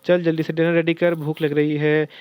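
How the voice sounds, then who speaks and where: A man's voice: on the high side, level tone, normal speed, a little mellow, clear, resonant tone, dry recording, natural voice. A man voicing a bossy, angry older sister who talks curtly and scolds. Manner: curt and scolding.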